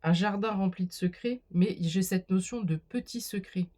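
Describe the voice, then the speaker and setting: A woman's voice: medium pitch, moderate pace, dark tone. A woman doing a casual spoken card reading, talking straight to the viewer with many fillers and restarts. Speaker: card reader.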